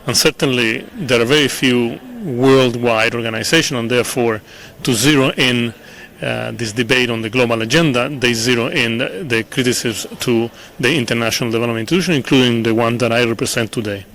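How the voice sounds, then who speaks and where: Gravelly middle-aged man. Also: medium pitch, a bit bright. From Chile. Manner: measured, earnest, frequent "uh" pauses, repeats words. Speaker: interview guest, international official. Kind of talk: thoughtful interview answers. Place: conference venue.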